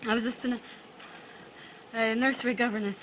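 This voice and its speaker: Frightened young governess, early talkie. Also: female voice, a little high, fairly even intonation, normal speed, a bit bright, slight background noise. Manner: hesitant, pleading. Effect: early 1930s talkie film sound. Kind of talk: 1930s film acting. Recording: dull lo-fi 1930s film soundtrack.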